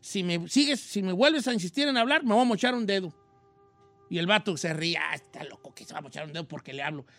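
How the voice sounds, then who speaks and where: A man voicing a joking old host with a Mexican accent, chatting casually on radio in a high, slangy, rambling voice. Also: fast, fairly bright tone, no echo, faint music behind. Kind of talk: casual radio chat, film recommendations.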